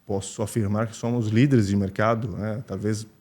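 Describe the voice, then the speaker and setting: A man's voice: fairly low pitch, little pitch movement, moderate pace, darkish tone. A man whose first language is Italian, a company founder answering interview questions in an explanatory way, with frequent fillers and restarts.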